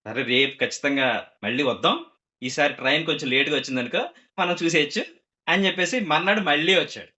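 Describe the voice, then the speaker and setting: A man's voice: on the high side, fast talker, bright, forceful tone, dull audio. A man telling a comic story to a group, acting out the characters' quoted lines.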